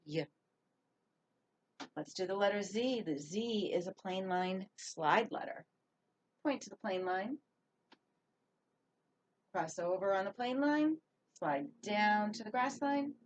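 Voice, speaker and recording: A woman teaching young children to read sentences and write letters, speaking clearly and encouragingly, drawing out her words. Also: mid-range voice, lively intonation, takes it slowly, pauses often, slight background noise. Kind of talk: early reading and handwriting lesson for young children.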